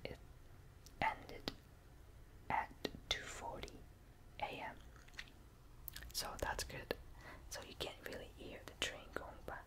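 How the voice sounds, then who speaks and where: A young adult whispers a casual ASMR ramble in a soft, breathy voice, close to the listener's ears on a binaural microphone. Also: slow, pauses often. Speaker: ASMR video maker.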